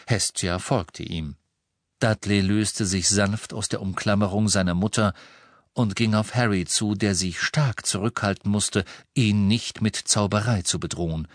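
A man narrating a novel as an audiobook in measured, expressive reading. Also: lowish voice, no room sound, studio quality. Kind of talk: scripted narration.

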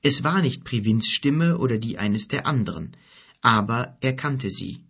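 Male audiobook narrator, husky, middle pitch, even scripted storytelling. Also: unhurried.

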